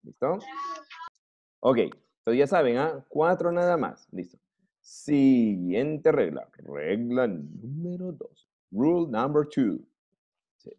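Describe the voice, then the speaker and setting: A man teaching an English class online in Peruvian Spanish, patient and drilling words slowly. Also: mid-range voice, very animated, dull audio.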